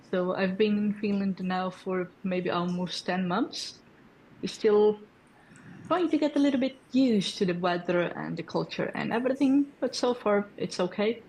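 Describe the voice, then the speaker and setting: A Brazilian woman in her thirties, a native Portuguese speaker with a Brazilian accent, leads a developer community and is giving a technical presentation of a developer tool at a hackathon. Her mid-range voice has a darkish tone, and the low-quality recording carries slight background noise. She explains in a friendly way, using fillers and check-in questions.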